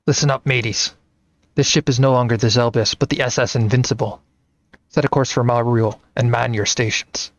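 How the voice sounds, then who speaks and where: A man's voice: medium pitch, steady tone, normal speed, no room sound, lo-fi sound, lightly acted. A man voicing a defiant male pirate captain in salty pirate talk.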